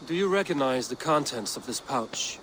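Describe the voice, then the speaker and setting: An actor playing a wary, determined Viking warrior in a video game, terse and plain-spoken. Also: male voice, mid-range voice, expressive, moderate pace, a bit bright, a little hiss or hum, natural voice, low-quality recording. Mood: urgent, wary. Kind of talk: video game character acting.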